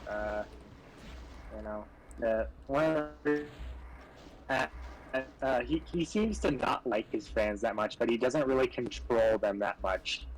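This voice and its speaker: A man's voice: medium pitch, unhurried, soft background music, rough recording. Hesitant young man, casual chat. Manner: hesitant, full of fillers. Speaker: podcast co-host.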